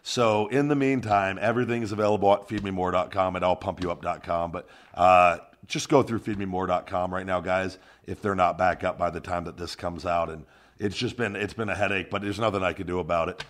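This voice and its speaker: A man's voice: low voice, steady tone, a little fast. A man hosting a podcast, talking in a loose, rambling casual way. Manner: loose, rambling, drops into goofy put-on voices. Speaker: podcast host.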